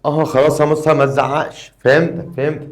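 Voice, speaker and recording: A man's voice: a little high, little pitch movement, natural voice. A man voicing a cheeky teenage schoolboy who talks back, with an Egyptian Arabic accent. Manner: pushy, quick comebacks. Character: cheeky teenage boy student, mouthy. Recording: echoey room.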